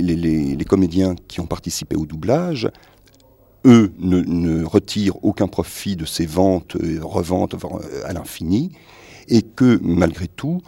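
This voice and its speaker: A man's voice: sits low, creaky, warm tone, no room sound. A man, a dubbing actor, answering interview questions hesitantly, with many fillers and repeated words.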